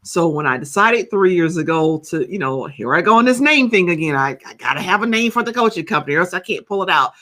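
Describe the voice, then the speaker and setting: A woman's voice: fairly low pitch, fast, few pauses. A woman in her fifties, a counselor and coach, talking animatedly in a podcast interview and often checking in with "right?". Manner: animated storytelling, rhetorical "right?".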